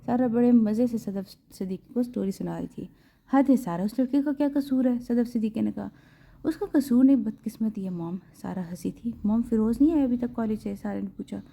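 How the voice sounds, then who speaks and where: A woman's voice: a little high, creaky, hardly any pauses, warm tone. A young woman narrating a romance novel aloud and giving each character a voice in the dialogue. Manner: acts every character in dialogue.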